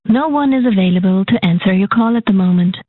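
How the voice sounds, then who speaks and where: A woman's recorded voicemail greeting, delivered in an even, scripted way and heard through a phone call. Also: medium pitch, fast, no echo. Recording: tinny phone line from a distance.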